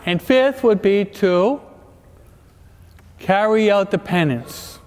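A man with a high-pitched, lively voice speaks slowly as he gives a parish talk as a priest. He jokes while teaching and keeps checking in with his audience through questions. The recording comes from a large church, echoey with long reverb.

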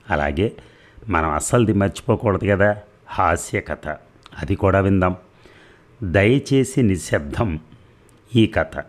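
A man reads a comic short story aloud for his storytelling channel. His voice is very low and steady. He talks in a conversational way and corrects his own small slips as he goes.

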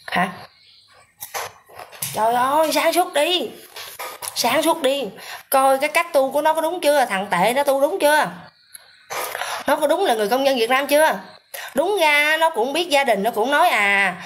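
A woman's voice: high-pitched, expressive, moderate pace, long pauses, a bit bright, a little hiss or hum. Combative woman livestreaming. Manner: combative, hammering rhetorical questions. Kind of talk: livestream rant.

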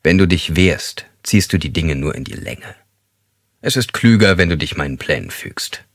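A man voicing a calm, controlling male serial killer, speaking slowly and with menace. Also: sits low, no room sound, studio quality, exaggerated voice. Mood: menacing. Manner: slow, measured and menacing, at times hissed.

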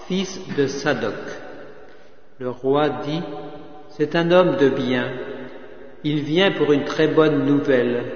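Slow solemn man reading in church. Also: a little high. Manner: measured, solemn, partly chanted. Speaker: liturgical reader. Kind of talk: slow liturgical scripture reading, partly chanted. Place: chapel or church. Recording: reverberant church, dull lo-fi sound.

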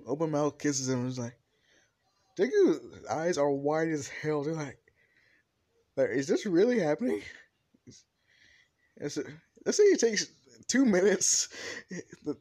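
A man's voice: on the high side, very animated, takes it slowly, long pauses, darkish tone. A man improvising a fan-fiction story aloud, rambling with many restarts and fillers.

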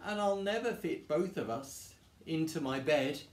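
A man voicing a frightened little boy searching for his teddy, high and anxious, in an echoey room. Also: animated, a little slow. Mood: scared.

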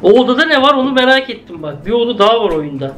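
High-voiced young man, jumpy game commentary. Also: big pitch swings, very fast, fairly bright tone, slight background noise. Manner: chatty, jumpy, exclaims at scares, talks to viewers. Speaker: gaming video host. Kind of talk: casual let's-play commentary.

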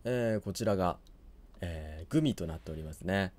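A hoarse man giving quiet, low-key commentary on a game he is playing, muttering to himself as he goes. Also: normal speed. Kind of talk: quiet let's-play commentary.

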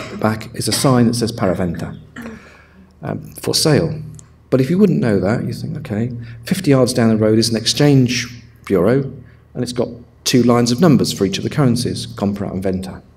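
A middle-aged man gives a humorous, chatty presentation to an audience at a travel show, acting out quick voices as he goes. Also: on the low side, darkish tone. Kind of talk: live presentation talk with slides. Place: talk in a room with an audience.

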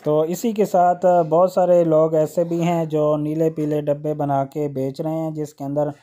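A man hosting a how-to video, explaining a workshop machine step by step with occasional hesitant "uh" pauses. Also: fairly high pitch, flat delivery, mellow. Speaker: electrician channel host.

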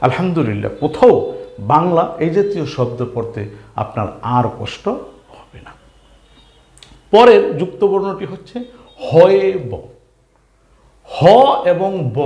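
A man's voice: a little high, a little mellow. A man teaching beginners to read, patiently spelling out letters and syllables, repeating each one and asking questions as he goes. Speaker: Bengali reading teacher. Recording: roomy echo.

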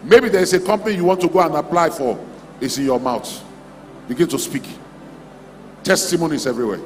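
Leading a church convention, a high-voiced male preacher delivers a charismatic prayer-and-declaration sermon, brisk and a little mellow. He exhorts in short, repeated declarations. The large hall makes the PA echo, music plays underneath, and there is slight background noise.

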